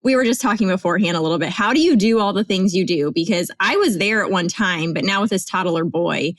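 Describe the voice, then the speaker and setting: A woman's voice: mid-range voice, quick pace, no echo. Chatty woman in her forties hosting. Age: 40s. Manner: chatty, reads sponsor codes, laughs often. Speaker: podcast host. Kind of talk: casual podcast chat.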